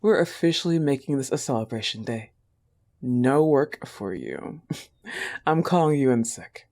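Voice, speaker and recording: Using a mid-range voice, a man speaks softly as a tender yet possessive young goth wolf girlfriend in an intimate audio roleplay.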